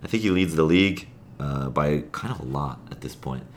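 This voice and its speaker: Deep voiced guy rambling about his league, restarts a lot, gets fired up in bursts. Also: moderate pace, a little hiss or hum. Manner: rambling, self-correcting, with sudden bursts of excitement. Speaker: podcast host, league player. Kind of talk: casual chat.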